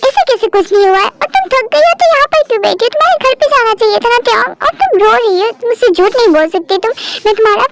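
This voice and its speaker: A woman's voice: extremely high pitch, lively intonation, fast, few pauses, very noisy. A woman voicing a caring young male college friend in an amateur fan dub, anxious and coaxing. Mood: worried.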